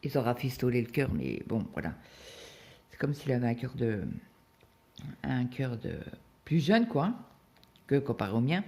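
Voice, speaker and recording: A woman's voice: a bass voice, sing-song, unhurried, pauses often, warm tone. A woman in her fifties chatting casually as she cross-stitches, telling stories with lots of hesitations and tag words, recorded on a phone. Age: 50s. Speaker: craft vlogger.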